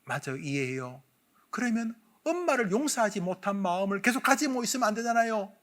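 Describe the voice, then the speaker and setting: A man's voice: high-pitched, sing-song, brisk, a bit bright. A male pastor giving a sermon, acting out counseling dialogues and coaxing the congregation to join in.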